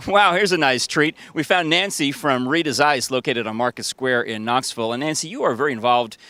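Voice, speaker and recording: Upbeat male TV host, mid-pitched. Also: a little fast, pushed and bright, no echo. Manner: upbeat, folksy tour-guide delivery. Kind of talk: TV feature presenting. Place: outdoor city park.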